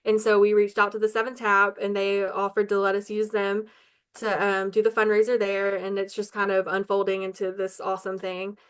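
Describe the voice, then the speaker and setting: A woman speaks as a guest in a news interview, earnest and chatty with plenty of ums. Her voice is smooth and clear, and her pitch stays flat and even. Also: normal speed. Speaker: local advocate interviewed as guest. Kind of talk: casual interview answers.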